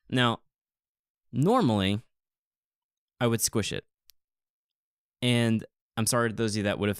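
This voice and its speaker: A man co-hosting a podcast in casual chat, excitable and playfully teasing. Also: on the low side, clean tone, no room sound, studio quality. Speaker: podcast co-host.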